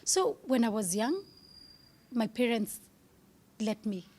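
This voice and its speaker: A woman's voice: fairly high pitch, big pitch swings, takes it slowly, a little mellow. A woman in her thirties, speaking candidly as an interview guest, earnest and at times dropping to a whisper.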